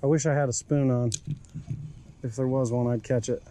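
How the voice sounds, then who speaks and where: A man's voice: mid-range voice, steady tone, moderate pace, dark tone. A young man chatting casually and joking while fishing from a small boat on a lake, recorded on an action camera. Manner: laid-back, joking, swears freely. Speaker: fishing vlogger.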